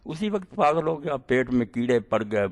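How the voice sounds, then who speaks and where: A man delivering a sermon, telling stories and swinging between quiet passages and emphatic peaks. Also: mid-range voice, animated. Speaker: preacher. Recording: long hall reverb.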